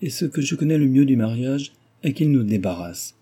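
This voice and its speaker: Male reader playing a gossipy, frivolous young aristocratic lady in an audiobook; lifted pitch, dark and husky. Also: animated, moderate pace. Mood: flippant chatter. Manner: gossipy, flippant, teasing. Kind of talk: audiobook character reading.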